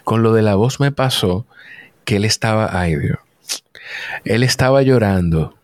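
Emotional low-voiced man in a chat. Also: lively intonation, no room sound, clean studio sound. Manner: emotional, halting, repeats himself. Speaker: guest. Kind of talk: casual chat.

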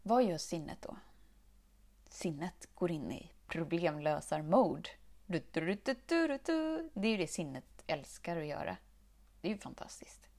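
Animated Swedish woman podcasting solo. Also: lowish voice. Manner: animated, laughs often, acts out her own thoughts in quotes. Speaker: podcast host. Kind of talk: casual solo podcast monologue.

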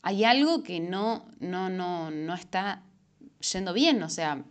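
A woman's voice: on the low side, slow. Chatty Rioplatense woman giving advice. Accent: Rioplatense Spanish. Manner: chatty, animated, frequent fillers and self-corrections. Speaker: self-help vlogger. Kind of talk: casual advice monologue.

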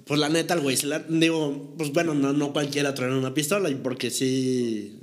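A man's voice: a little high, steady tone, normal speed. A Mexican man in his thirties telling a long story in slangy, swearing casual chat with friends.

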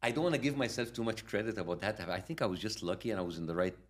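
A man in his late forties with a lisp, chatting as a podcast guest, animated and quick to laugh, often restarting his sentences. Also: lowish voice. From Egypt. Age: 40s. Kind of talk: casual interview chat.

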